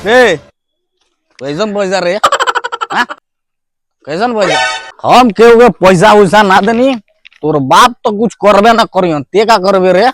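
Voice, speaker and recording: A man's voice: high-pitched, animated, slow, pauses often, faint music behind. A man playing a drunken, quarrelsome village husband, the town drunk, in a Bhojpuri-accented rural comedy skit. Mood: aggressive. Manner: drunken, loud, quarrelsome bluster.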